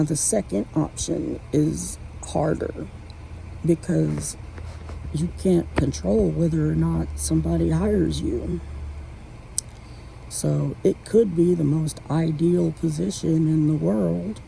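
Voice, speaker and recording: A woman in her late forties talking at home from her bed in a halting, rambling vlog monologue full of restarts. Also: sits low, gravelly, mellow, slight background noise, rough recording. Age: 40s. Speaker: vlogger.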